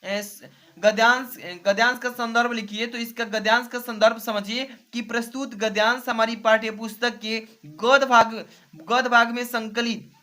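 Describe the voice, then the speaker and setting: A man's voice: very high-pitched, pushed and bright. A male teacher explaining an exam model paper step by step and often checking in with his students. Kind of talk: exam revision lesson.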